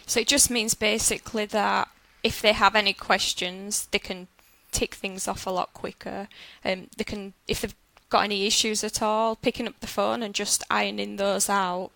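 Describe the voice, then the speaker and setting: Yorkshire woman with a bright, gravelly voice. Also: medium pitch, level tone, moderate pace, hardly any pauses, no echo, poor audio. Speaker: guest, business development manager at a lender. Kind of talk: podcast interview answers.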